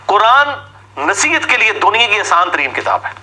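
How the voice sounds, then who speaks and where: A man's voice: high voice, sing-song, creaky, noisy background. A man giving an argumentative religious talk, asking sarcastic rhetorical questions and mimicking his opponents. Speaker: religious lecturer.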